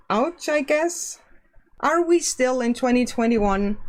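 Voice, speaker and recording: Slow, high-voiced sarcastic woman from Germany. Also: a little mellow. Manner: sarcastic, incredulous. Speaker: science video creator reacting to comments. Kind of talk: casual commentary, reading out comments.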